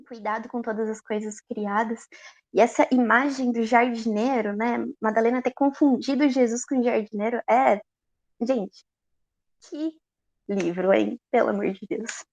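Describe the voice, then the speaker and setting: Brazilian woman preaching, lively and direct. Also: fairly high pitch, moderate pace. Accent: Brazilian Portuguese. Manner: expressive, talks straight to the congregation, laughs often. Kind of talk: conversational Easter sermon.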